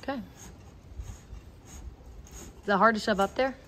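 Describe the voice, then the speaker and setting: A woman's voice: mid-range voice, measured pace, pushed and bright. Teasing woman filming in a noisy barn. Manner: teasing, laughing, chatty. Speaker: vlogger filming her husband's barn work. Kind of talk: casual off-camera narration. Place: inside a large pole barn. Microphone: handheld phone camera. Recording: noisy barn with clicks and vehicle sounds.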